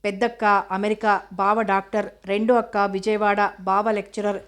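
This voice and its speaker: Cheeky little girl making stuff up, read by a woman, plain matter-of-fact answers, flat-ish tone. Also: medium pitch, normal speed, close to an everyday voice. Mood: playful. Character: mischievous little girl telling tall tales.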